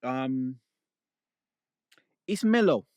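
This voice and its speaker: A man, hosting a relaxed, bantering podcast chat. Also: mid-range voice, extremely slow, smooth, dry recording. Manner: relaxed, laid-back banter with laughs. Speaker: podcast host. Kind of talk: casual chat.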